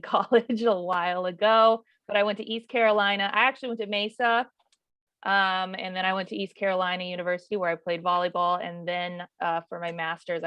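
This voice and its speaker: A woman's voice: lowish voice, clean tone, no echo. A woman in her thirties from New Mexico, a volleyball coach leading a class over a video call, talking casually with many fillers. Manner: relaxed and chatty, with many fillers. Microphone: video call mic. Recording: dull, lo-fi call audio.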